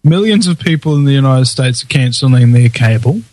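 A man's voice: medium pitch, expressive, brisk, darkish tone, dry recording. A man with a broad New Zealand accent talking casually and opinionatedly, with a sarcastic way of acting out imagined dialogue.

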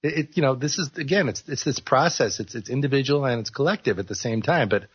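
A man musing earnestly in casual conversation, rambling from thought to thought in a husky voice. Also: mid-range voice, animated, fast talker, highs cut off.

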